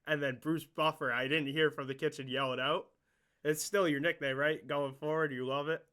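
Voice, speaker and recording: A man hosting a casual interview podcast, excitable and joking, swearing often as he asks questions. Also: a little high, normal speed.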